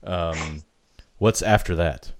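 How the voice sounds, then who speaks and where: A man's voice: low-pitched, takes it slowly, dry recording, clean studio sound. A man co-hosting a casual podcast chat, joking and teasing, stumbling over his words.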